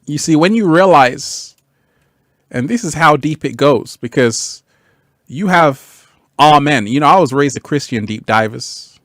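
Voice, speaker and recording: Male livestream host, unhurried and easygoing, repeats lines, dry close mic. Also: fairly high pitch, animated, a bit bright, no echo. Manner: laid-back, laughs often, repeats phrases, sudden whoops. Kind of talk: live stream chat, reading comments.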